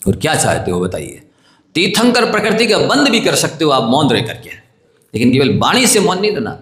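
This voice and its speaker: Man, Jain monk preaching, earnest and coaxing, fairly high voice, echoey hall. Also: wildly swooping pitch, moderate pace, fairly bright tone. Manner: earnest, coaxing, asks the audience questions. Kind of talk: sermon.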